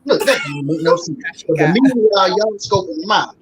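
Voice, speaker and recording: A man's voice: high-pitched, animated, moderate pace, a crowd in the background. A man in his forties, a guest on a talk show, talking in a loose, folksy way with lots of fillers. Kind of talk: casual talk show conversation. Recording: slightly dull sound with faint noise.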